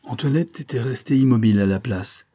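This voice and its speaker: A man narrating a classic novel aloud in a measured storytelling manner. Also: mid-range voice, mellow, slightly rough. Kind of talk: reading a serialized novel aloud.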